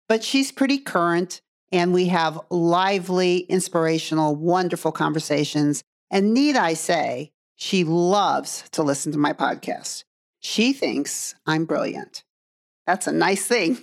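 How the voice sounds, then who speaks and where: A middle-aged woman hosting a podcast as a coach, talking earnestly and straight to the listener, repeating phrases for emphasis. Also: lowish voice. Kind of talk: heartfelt podcast monologue.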